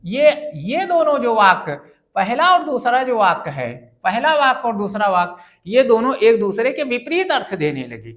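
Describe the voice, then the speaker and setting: A woman's voice: on the high side, big pitch swings, normal speed. A woman teaching a grammar lesson, patiently explaining step by step and repeating examples.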